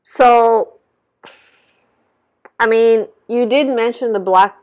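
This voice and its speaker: A woman's voice: a little high, takes it slowly, a little mellow. A woman co-hosting a podcast in casual chat, rambling with many fillers and laughing easily. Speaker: podcast co-host.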